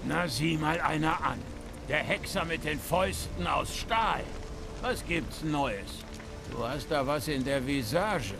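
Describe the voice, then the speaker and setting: A carefree, mocking game bandit. The voice is gravelly and a little high, teasing at a slow pace over music. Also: male voice, lively intonation, full character voice. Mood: amused, mocking. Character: jovial, mocking male bandit. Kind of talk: video game acting. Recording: music underneath.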